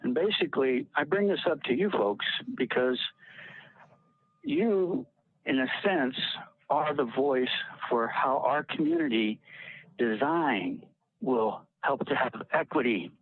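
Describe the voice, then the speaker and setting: Man, flip phone call, earnest, urging, public commenter, husky, dry tinny line. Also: mid-range voice, sing-song, a little slow, dry recording. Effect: old flip phone call. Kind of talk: public comment at a civic meeting.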